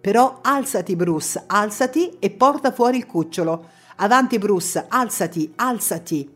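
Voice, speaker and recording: A woman's voice: mid-range voice, expressive, measured pace, slightly rough. A woman voicing a pushy, coaxing mother. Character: insistent, nagging middle-aged mother on the phone. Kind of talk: audiobook reading.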